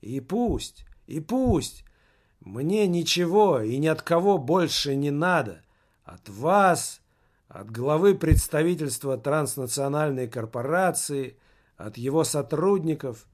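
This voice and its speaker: A man's voice: on the high side, expressive, takes it slowly, a little mellow. A man reading aloud as a despairing man who wanted to sacrifice himself, speaking in a bitter, resigned monologue. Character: despairing man, would-be self-sacrificing martyr. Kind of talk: audiobook reading.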